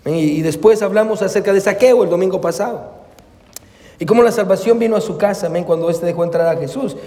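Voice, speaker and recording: A man with a high, warm voice speaks quickly as a pastor delivering a sermon. He sprinkles in amén and hermano, drifts into English phrases, and restarts hesitantly as he tells stories. A long hall reverb surrounds the recording.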